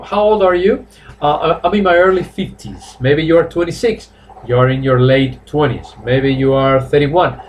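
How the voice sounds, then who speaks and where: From a small room in his home, a Spanish English teacher in his fifties runs a live online lesson, moving between English and Spanish and slowly repeating phrases so students can drill them. His voice is a little high, and there's a little hiss or hum.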